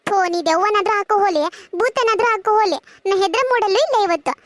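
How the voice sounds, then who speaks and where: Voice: very high-pitched, quick pace, a bit bright, no room sound. A performer voicing a sulky, whiny cartoon schoolboy who talks through tears. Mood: sulky tearful. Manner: whiny, tearful pleading. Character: Tammanni, sad, sulky schoolboy. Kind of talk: cartoon voice acting.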